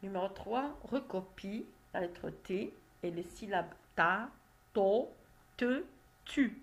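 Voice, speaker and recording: Slow, careful woman teacher. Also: medium pitch, expressive. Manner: slow, careful, spells out syllables. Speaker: primary school teacher. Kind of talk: reading lesson, exercise correction.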